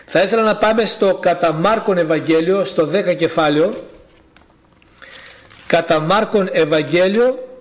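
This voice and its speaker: A male preacher delivers a sermon in a high-pitched voice. He speaks with fervent conviction, pausing between phrases as he reads scripture aloud.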